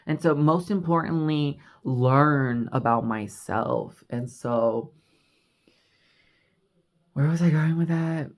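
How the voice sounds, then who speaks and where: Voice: medium pitch, slow pace, long pauses. A vlogger talking casually and reflectively into the camera, rambling and confessional, full of "like" and "you know.". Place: house in Mexico.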